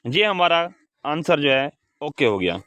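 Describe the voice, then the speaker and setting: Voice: mid-range voice, big pitch swings, a little slow, fairly bright tone, no echo. A teacher leading an English lesson, spelling words letter by letter and having the pupils repeat them. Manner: addresses pupils as "beta". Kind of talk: call-and-response English lesson.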